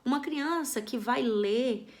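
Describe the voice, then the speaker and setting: Woman, Brazilian Portuguese accent, school educator, animated talk, frequent "né?" tags, higher pitch. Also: slow pace. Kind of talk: explanatory talk about early literacy.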